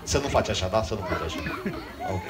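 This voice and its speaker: A man's voice: on the low side, animated. A man, a children's magician, telling a comic story on stage and teasing the audience. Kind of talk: live comedic storytelling to a crowd. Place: outdoor stage at a water park. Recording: noisy live crowd.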